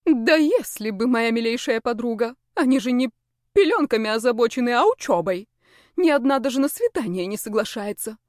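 A woman's voice: on the high side, animated, a little fast, darkish tone, no echo, clean studio sound, voice pushed up, lightly acted. A woman voicing a sly, scheming older werewolf matriarch who sighs dramatically and longs for grandchildren. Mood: lamenting, sly.

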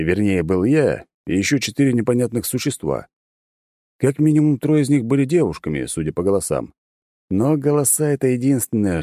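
A man narrating a fantasy audiobook in the first person, steady and measured. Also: low voice, no echo, studio quality.

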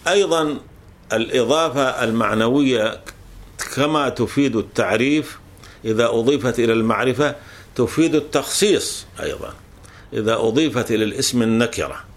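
A man's voice: mid-range voice, brisk. A man teaching a grammar lesson, patiently explaining with examples and often restarting words.

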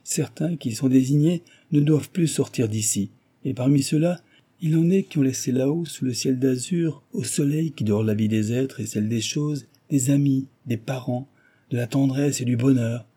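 A man's voice: mid-range voice, normal speed, mellow, slightly rough, pitched above the performer's own voice, natural voice. A man voicing a cruel young Japanese villain who talks in a sneering, menacing way, for an audiobook. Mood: cold menace.

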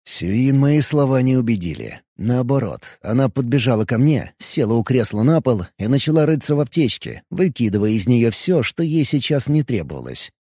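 A man narrating a first-person audiobook in an expressive, lively way. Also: medium pitch, moderate pace, few pauses, slightly rough, no room sound, studio quality.

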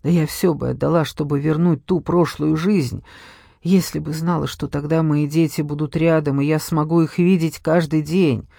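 A man's voice: on the high side, steady tone, moderate pace, creaky, mellow, no room sound, clean studio sound. A man voicing a worn-down older mother, speaking in a strained, pleading way. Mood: anguished.

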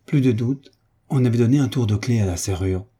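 A man reading a novel aloud as audiobook narration, measured and dramatic. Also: mid-range voice, dark tone, breathy edge. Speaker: audiobook reader. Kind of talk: scripted narration.

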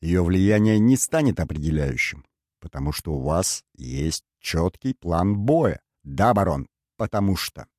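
A man's voice: low voice, very animated, unhurried, a little mellow, no room sound, studio quality, heavily acted. A man voicing a serious, confident male military commander in an audiobook, with an assured manner.

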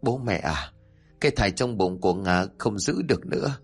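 A man reading aloud and voicing a gentle, naive young husband who soothes his parents with a choked-up voice. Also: lowish voice, expressive, moderate pace, breathy edge, faint music behind. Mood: choked soothing.

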